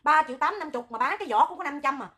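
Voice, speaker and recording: A woman with a Southern Vietnamese accent hosting a livestream, talking loud, hot-tempered and animated, rambling with joking asides. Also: high voice, very fast. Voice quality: loud, piercing voice. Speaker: livestream host, charity oxygen volunteer. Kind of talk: livestream talk to viewers.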